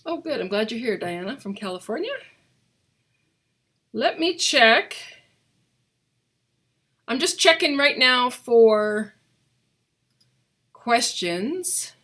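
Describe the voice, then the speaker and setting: A woman's voice: on the high side, lively intonation, slow, pauses often, fairly bright tone. A middle-aged woman chatting enthusiastically and ramblingly as she hosts a casual live craft tutorial, with a hollow, cave-like off-mic sound. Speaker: crafting host and demonstrator.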